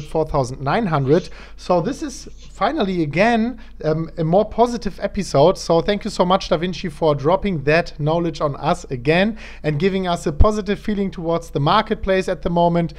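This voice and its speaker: A man's voice: on the high side, darkish tone. A man hosting a show in a casual, conversational interview style. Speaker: show host.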